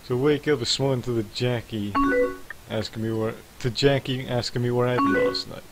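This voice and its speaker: A man's voice: mid-range voice, fairly even intonation, moderate pace, over loud music, lightly acted, low-quality recording. A man reading out a game character's chat messages, a young woman upset about a bad night, in a mostly plain voice. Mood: recounting.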